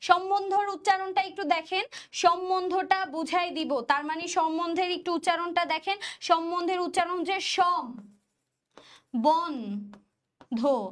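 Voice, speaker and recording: A woman's voice: very high-pitched, fairly bright tone. A young woman teaching an exam-prep lesson, repeating each question and answer as she quizzes her students. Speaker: admission test teacher.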